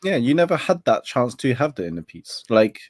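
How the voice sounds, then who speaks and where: A man's voice: medium pitch, sing-song, brisk, no room sound. A young man hosting a casual late-night chat, laid-back and laughing often as he talks. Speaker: host.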